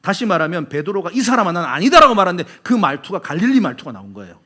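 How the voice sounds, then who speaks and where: Male pastor, Busan Gyeongsang accent, high and very animated delivery, sermon full of rhetorical questions. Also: racing. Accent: Busan Gyeongsang Korean. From Busan, South Korea. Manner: lively preaching with many rhetorical questions to the congregation.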